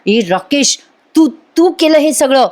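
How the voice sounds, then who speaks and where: A woman voicing a furious scheming young woman in jail, shouting and repeating herself in a high voice. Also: expressive, slow. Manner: shouting, frantic, repeating denials.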